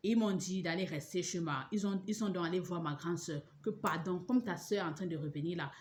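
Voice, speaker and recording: A woman's voice: fairly low pitch, fairly quick, darkish tone, a little hiss or hum. A woman giving an emotional personal religious testimony, storytelling and acting out the voices in it. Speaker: testimony speaker.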